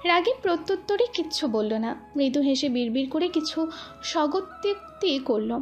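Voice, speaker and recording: A woman narrating a romantic story with an expressive, flowing delivery. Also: high voice, lo-fi sound. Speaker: voice artist, storyteller.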